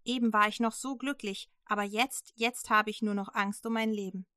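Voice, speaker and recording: A woman's voice: medium pitch, steady tone, moderate pace, sharp tone, no room sound, clean studio sound, close to an everyday voice. A woman voicing a worn-out male prophet who talks in earnest, sighing pleas. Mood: earnest weary.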